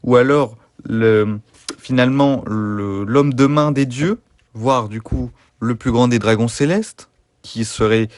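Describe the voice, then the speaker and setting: Deadpan man with a dry sound. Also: medium pitch, slow, no room sound. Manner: deadpan, over-earnest, with frequent hesitations. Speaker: YouTube host. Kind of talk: mock-serious fan theory analysis.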